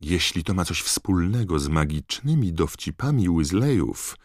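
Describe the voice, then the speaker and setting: A man voicing a short, plump, motherly witch who sounds suspicious and quietly threatening. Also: low voice, very animated, a little slow, no room sound, clean studio sound, voice pushed up, heavily acted. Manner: warm yet menacing.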